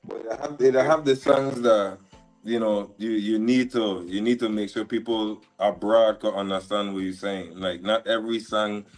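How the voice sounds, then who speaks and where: A man, a music producer talking casually as a guest on a live stream, halting and full of slang. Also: lowish voice. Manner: relaxed, halting, lots of restarts and slang. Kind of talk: casual interview chat. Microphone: live stream call.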